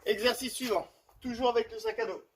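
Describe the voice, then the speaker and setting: High-voiced man coaching a home workout. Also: fairly even intonation, a little fast, a little hiss or hum, poor audio. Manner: demonstrating exercises while explaining, with frequent "d'accord?" checks. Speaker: fitness coach. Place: outdoor terrace at home.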